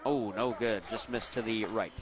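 A man's voice: lowish voice, steady tone, moderate pace. A man doing live radio play-by-play of basketball in clipped phrases, tracking each pass and shot. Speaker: play-by-play announcer. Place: high school gym, courtside.

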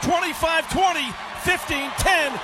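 A man doing live radio football play-by-play, shouting an excited touchdown call. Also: extremely high pitch, unhurried. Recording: stadium noise behind the voice.

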